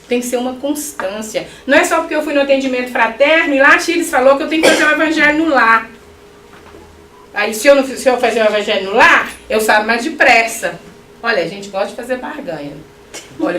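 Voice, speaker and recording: A middle-aged woman giving a spiritist lecture, animated, with joking asides to her audience. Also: fairly high pitch, slight background noise. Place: lecture hall. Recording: echoey hall, mic at a distance.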